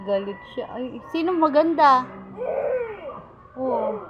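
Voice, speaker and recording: A woman's voice: sits high, expressive, slow pace, lo-fi sound, a crowd in the background. A woman talking in coaxing baby talk to her pet in a casual home video. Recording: loud background noise.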